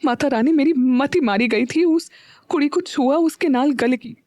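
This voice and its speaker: A woman's voice: sits high, moderate pace, a little mellow, no room sound, studio quality, pitched above the performer's own voice, lightly acted. A woman voicing an elderly Punjabi-speaking aunt who scolds and mutters to herself, in a Punjabi-tinged Hindi accent. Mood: muttering regret.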